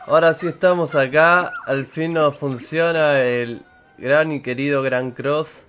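Argentine male streamer, 30s, slightly high pitch, easygoing chatter while playing, faint music under. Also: fairly even intonation, unhurried, fairly bright tone. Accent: Argentine Spanish. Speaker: game streamer. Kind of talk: casual live stream chat. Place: indoor room with purple lighting.

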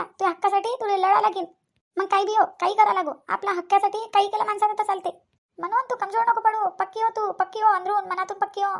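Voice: very high voice, vocal fry. A voice actor playing an older village aunt with a Vidarbha Marathi accent who gives firm, repetitive advice in a cartoon. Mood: rousing. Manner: preachy, repeats points, fast. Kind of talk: cartoon voice acting.

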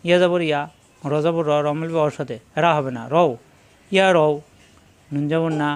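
A man with a smooth, clear, fairly high voice leads a recitation lesson. He breaks each word into syllables, names them one by one, then chants the whole phrase in a long, drawn-out tune. He speaks with a Bangladeshi Bengali accent. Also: steady tone. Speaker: Quran reading teacher. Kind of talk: slow letter-by-letter recitation lesson.

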